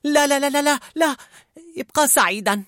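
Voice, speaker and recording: A man's voice: very high-pitched, takes it slowly, dry recording, clean studio sound, voice pushed up, full character voice. A man voicing the nervous male emotion Fear, stammering and panicky.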